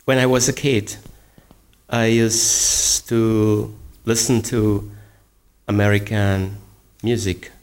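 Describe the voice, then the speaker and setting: A man's voice: fairly low pitch, level tone, darkish tone. A man from Italy speaking English with a slight Italian accent, answering interview questions and choosing his words carefully. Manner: careful, deliberate wording. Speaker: singer interviewed.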